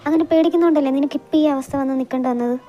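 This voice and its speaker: A woman's voice: high-pitched, dark tone, dull audio, natural voice. A woman voicing a bossy but caring young friend who teases and reassures, in an amateur audio drama. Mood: brisk. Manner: brisk, teasing, reassuring.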